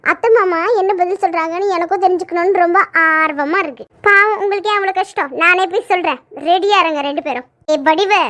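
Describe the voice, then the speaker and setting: A very high, fast-talking cartoon young woman, bossy and jealous, with a taunting, scolding tongue, as a woman voices her. She runs her lines together in quick bursts. It sounds like animated cartoon voice acting. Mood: spiteful.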